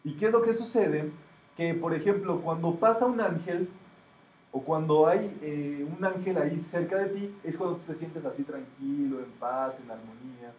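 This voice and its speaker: A man's voice: fairly high pitch, normal speed, darkish tone. A man teaching a metaphysics class, explaining and asking his students questions. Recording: echoey room, distant, dull, faint noise.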